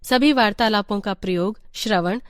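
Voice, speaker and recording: A woman reading a teacher's guide aloud in an even, measured voice. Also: mid-range voice, clean tone, no room sound, clean studio sound. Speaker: textbook reader.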